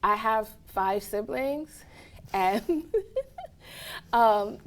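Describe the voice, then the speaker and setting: Speaking extremely slowly in a medium-pitched voice, this interviewee, a woman from Trinidad and Tobago who works as college staff, gives earnest, reflective answers. The interview is casual, and she keeps asking "right?" to check in.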